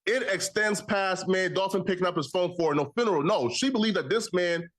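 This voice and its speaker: Pressing male interviewer, lighter pitch, pushes his point step by step. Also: brisk, a bit bright. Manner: pressing, argumentative, lays out his case. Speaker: podcast interviewer. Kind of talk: heated casual interview.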